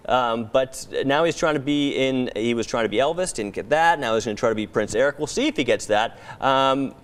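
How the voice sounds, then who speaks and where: A man's voice: medium pitch, fairly quick, clear, resonant tone. A man co-hosting a morning news talk segment, joking and bantering casually. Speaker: morning show co-host. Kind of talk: casual live-stream chat.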